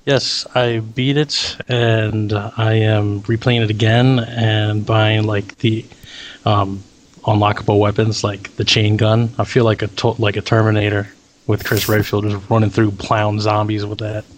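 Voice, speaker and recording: A man's voice: on the low side, flat delivery, measured pace, slight background noise. A man co-hosting a casual gaming podcast, playful and jokey, blunt with his opinions. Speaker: podcast co-host.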